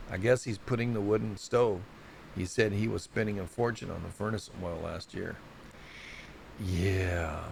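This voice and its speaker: A man's voice: low-pitched, fairly even intonation, normal speed, vocal fry, noisy background. A man hosting a casual solo news report on volcanoes, rambling and chatty, often stumbling over place names. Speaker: show host.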